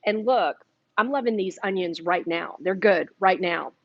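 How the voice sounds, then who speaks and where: A woman's voice: on the low side, measured pace, dry recording, highs cut off. A woman hosting a live cooking demonstration in a shop kitchen, chatty and eating while she talks. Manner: chatty, eats and talks at once. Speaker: cooking class host. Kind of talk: casual live cooking demo.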